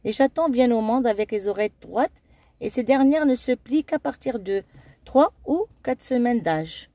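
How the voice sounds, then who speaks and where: A woman's voice: on the high side, expressive, moderate pace, mellow, no room sound. A woman narrating a scripted documentary-style video, reading steadily with occasional slips.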